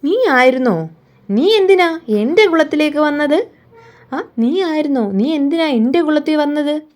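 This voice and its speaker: A woman's voice: sits high, lively intonation, a little slow, a little mellow, pitched above the performer's own voice. A woman voicing an angry tortoise that guards its pond, in an indignant, questioning tone.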